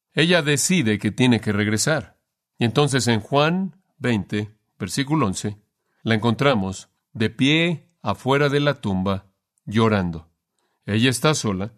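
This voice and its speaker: A man preaching an expository sermon, telling the story with lively rhetorical questions. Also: fairly high pitch.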